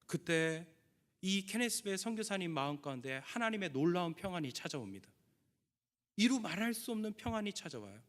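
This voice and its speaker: A man's voice: high voice, sing-song, fairly quick. A middle-aged man preaching a sermon as pastor, earnest, acting out quoted prayers now and then. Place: church sanctuary. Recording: long church reverb.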